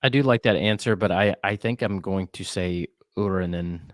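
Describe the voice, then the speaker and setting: A man's voice: low-pitched, normal speed, no echo, studio quality. A man hosting a casual podcast chat, talking earnestly and conversationally. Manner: earnest and conversational, with fillers and restarts. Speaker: podcast host.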